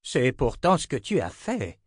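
A blunt, sharp-tongued woman from a fantasy audiobook, as a male reader puts her on, asking short needling questions with a sour edge. The reading runs slow and sits close on a dry mic. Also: medium pitch, wildly swooping pitch, dry recording.

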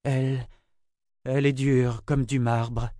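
A man reading a novel aloud and voicing a composed woman sorceress, a former mistress of death, with a calm, raised voice. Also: medium pitch, slow pace, dry recording, studio quality, voice pushed up, close to an everyday voice. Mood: urgent.

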